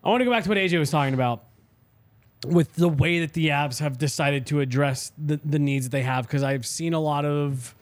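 A man's voice: on the high side, a little fast. A man hosting a sports podcast, chatting casually and conversationally as he picks up on his co-hosts' points. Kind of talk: casual chat.

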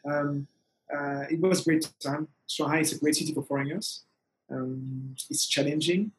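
A man from Togo, speaking conversationally as an interview guest, with halting, restarted phrasing. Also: a little high, steady tone, slight background noise, low-quality recording.

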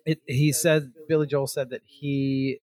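A man's voice: medium pitch, flat delivery, unhurried, darkish tone, no room sound. A man co-hosting a podcast, chatting casually about an album, full of fillers and restarts. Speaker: podcast co-host. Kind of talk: casual music chat.

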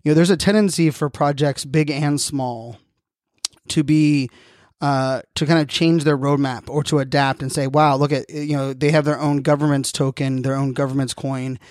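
A man's voice: fairly high pitch, steady tone, moderate pace, a little mellow, no room sound. A man hosting a casual solo podcast, rambling and often leaning on "you know", recorded on a close studio microphone. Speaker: podcast host.

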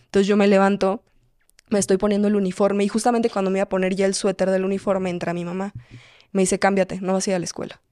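A woman's voice: mid-range voice, flat delivery, dark tone, dry recording. Young woman telling a story, dry close sound. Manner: quick, halting, frequent restarts and "o sea". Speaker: podcast host. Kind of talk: personal storytelling.

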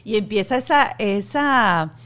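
A woman's voice: medium pitch, expressive, measured pace, fairly bright tone. A woman hosting a casual chat, telling a family story and repeating words as she searches for them. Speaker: host.

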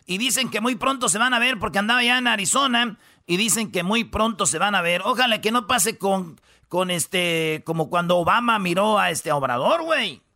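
Boisterous high-voiced male radio host. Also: expressive, normal speed, sharp tone. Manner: joking, boisterous, slangy banter. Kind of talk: comedic radio countdown chat.

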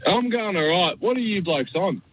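A man's voice: high voice, expressive, moderate pace, slightly rough, dry recording. An Australian man phoning a radio show, chatting casually and emphatically, with enthusiasm and the slangy, blokey way of a tradesman. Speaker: radio phone-in caller. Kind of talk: casual, opinionated sports chat. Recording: dull, lo-fi phone call to radio.

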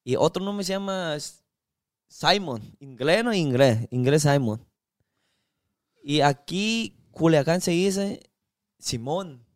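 Chinese-born male guest, young, broken slangy delivery, a bit high-pitched. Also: expressive, slow pace, darkish tone, clean tone. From China. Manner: broken, street-slang Spanish with restarts. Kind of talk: casual interview chat.

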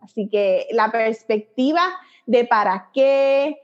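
A woman's voice: on the high side, slow pace. A middle-aged Puerto Rican woman, a psychologist guest, explaining her ideas in a reflective, conversational way with little fillers. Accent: Puerto Rican Spanish. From Puerto Rico. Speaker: guest, psychologist and dance method creator. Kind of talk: conversational interview. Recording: dull lo-fi audio.

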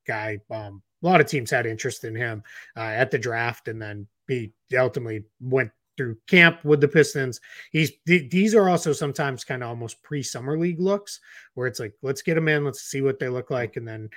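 A man's voice: mid-range voice, a bit bright, dry recording, clean studio sound. Boston-accented man breaking down basketball moves. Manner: quick rundown with frequent fillers and restarts. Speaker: NBA analyst co-host. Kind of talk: casual podcast analysis.

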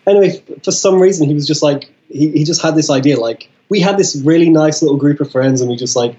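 A man telling stories in casual chat, rambling and halting, with frequent swearing. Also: a little high, warm tone, muffled recording. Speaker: guest.

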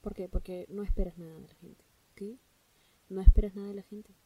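A woman hosting a solo podcast, giving an excitable, gushing pep talk and dropping English phrases into her speech. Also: medium pitch, brisk, slightly rough, far from the mic. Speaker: podcast host.

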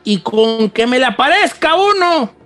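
A man voicing a grumpy, scarlet, toad-faced male demon in a low, muttering, menacing voice. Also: very animated, measured pace, fairly bright tone, faint music behind, full character voice. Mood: scheming.

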